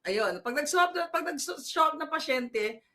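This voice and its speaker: A woman's voice: high-pitched, expressive, moderate pace, bright, forceful tone. A woman vlogger telling a long story in a casual, rambling way, with many fillers and restarts and laughs at her own tale. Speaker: political vlogger.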